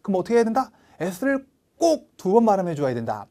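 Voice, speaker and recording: Lively man teaching pronunciation drills. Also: sits high, fairly quick. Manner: energetic, drills students with call-and-repeat pronunciation. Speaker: English test-prep teacher. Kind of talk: online lecture.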